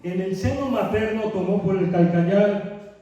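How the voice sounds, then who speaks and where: A man preaching to his congregation in a high voice, unhurried and deliberate, throwing questions at the listeners and circling back to repeat his key lines. He is picked up from some distance in a strongly echoing church hall. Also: mellow, highs cut off. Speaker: pastor. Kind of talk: sermon. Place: church sanctuary. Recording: echoey church hall, mic far off.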